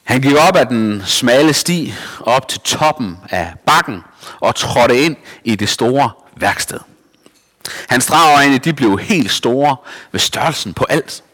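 A man reading a children's story aloud in a lively, expressive way. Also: mid-range voice, big-room sound.

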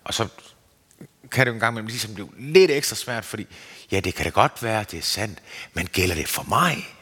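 A man giving an earnest, searching sermon as a preacher, his pitch rising and falling. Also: animated, sharp tone, slightly rough. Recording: long hall reverb.

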